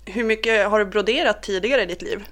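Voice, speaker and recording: En kvinna från med norrbottnisk pratar avslappnat som programledare. Hon skämtar gärna och retas med sin medvärd. Rösten ligger i ett vanligt mellanläge för en kvinna. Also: female voice, mid-range voice, a bit bright. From Norrbotten, Sweden. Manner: playful, teasing, quick with jokes. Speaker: podcast co-host. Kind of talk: casual chat.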